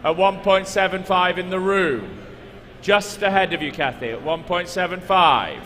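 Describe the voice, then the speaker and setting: High-pitched male auctioneer in an echoing hall. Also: expressive, normal speed, fairly bright tone. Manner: repeats figures insistently, coaxing bidders. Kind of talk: live car auction bid-calling. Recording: echoey large hall, background noise.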